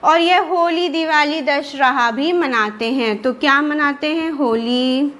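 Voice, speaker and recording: A woman with an Indian Hindi accent teaches an exam-prep lesson at an unhurried, deliberate pace. Her voice sits high, and she poses questions aloud, then answers them by repeating the key words. The delivery is patient and drill-like, built for note-taking. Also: a bit bright. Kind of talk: classroom lecture with repetition and revision.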